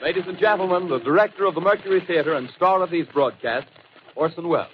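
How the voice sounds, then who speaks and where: High-pitched actor as a 1930s radio announcer, male. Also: fast talker, over music, natural voice. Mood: formal, earnest. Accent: American. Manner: formal, clipped, declamatory. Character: formal, urgent male radio news announcer. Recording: dull, hissy 1930s radio recording.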